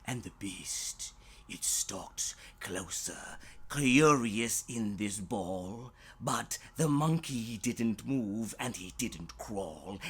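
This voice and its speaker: Reading their own rhyming tales for kids, the storyteller goes playful and theatrical, lengthening words and now and then easing down toward a whisper. The mid-range voice is husky and a bit bright.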